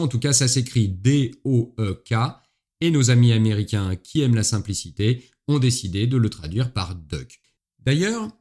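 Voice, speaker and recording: A man's voice: medium pitch, darkish tone. A man from France hosting a solo history podcast, explaining in a chatty way with playful asides to his listeners. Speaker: podcast host.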